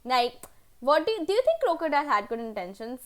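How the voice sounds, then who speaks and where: Animated chatty woman teacher, higher pitch. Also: brisk. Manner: animated, chatty, with frequent fillers and asides. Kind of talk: online class storytelling.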